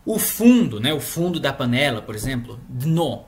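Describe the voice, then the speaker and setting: A woman's voice: extremely low pitch, sing-song, normal speed, darkish tone. Brazilian lady teaching a class, chatty, keeps asking ok? né?. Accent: Brazilian Portuguese. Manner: chatty, checks in with frequent "ok?" and "né?". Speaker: language teacher. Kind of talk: casual lesson explanation.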